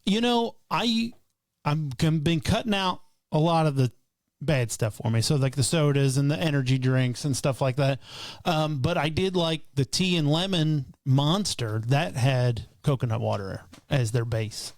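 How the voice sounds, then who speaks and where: A man's voice: a little high, unhurried, dry recording, clean studio sound. A man co-hosting a podcast, chatting in an easygoing, rambling way that trails off and restarts. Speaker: podcast co-host. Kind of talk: casual chat.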